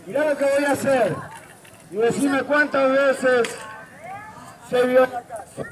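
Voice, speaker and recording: A man's voice: extremely high pitch, fairly even intonation, unhurried. A man with an Argentine accent working a street crowd as a playful kids' party entertainer, coaxing, joking and projecting his patter. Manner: projecting to a crowd, countdown calls. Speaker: street circus performer. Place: large outdoor city plaza at night. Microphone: distant audience phone camera. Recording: distant phone recording, noisy city square, crowd. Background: crowd and street traffic noise.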